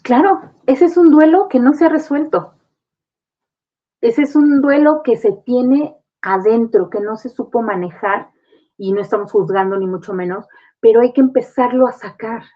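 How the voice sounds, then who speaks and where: A woman's voice: fairly high pitch, normal speed. A woman, a guest on a talk program, explaining grief in an earnest, reassuring way. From Mexico. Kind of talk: conversational advice on a talk program. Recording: muffled lo-fi sound.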